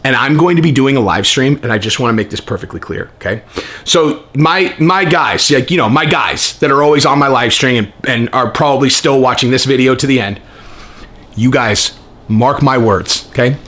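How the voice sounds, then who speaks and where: A man hosting a fight commentary channel, ranting in a casual, profane, animated way with incredulous rhetorical questions. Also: medium pitch, normal speed. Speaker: host of an MMA commentary channel.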